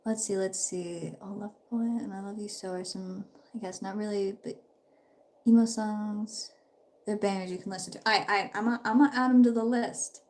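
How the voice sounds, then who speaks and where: This twenty-something woman keeps a steady tone at normal speed, her mid-range voice darkish against slight background noise. Though a bit under the weather, she chats cheerfully and wanders from topic to topic as she does her makeup on a relaxed live stream from her parents' home.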